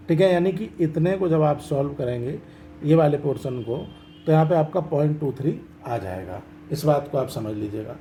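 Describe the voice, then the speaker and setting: A man with a somewhat high yet dark, mellow voice teaches a maths class. He walks through each step patiently and keeps asking his students if they have followed. A faint hiss of noise sits behind him. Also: low-quality recording. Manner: explains step by step, asks checking questions. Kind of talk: classroom lesson explaining decimals.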